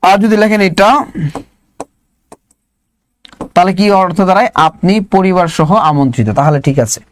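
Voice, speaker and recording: A man with a fairly high voice teaches a grammar lesson to his class. He keeps drilling the students, asking the same question over and over until they answer. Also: measured pace, slight background noise.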